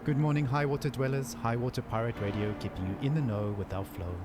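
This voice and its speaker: A man's voice: medium pitch, fast, heavy background noise. A man voicing a pirate radio host in a game trailer, reading the news in breezy rhyming announcer patter over a radio broadcast sound. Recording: distant trailer audio under loud music.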